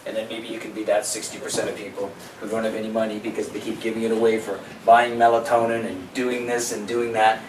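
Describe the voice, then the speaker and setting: A man's voice: on the low side, little pitch movement, quick pace, hardly any pauses. Echoey, distant man giving a health talk. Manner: conversational, opinionated, uses rhetorical questions and quoted asides. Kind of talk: informal health seminar lecture. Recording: echoey room, distant mic, background noise.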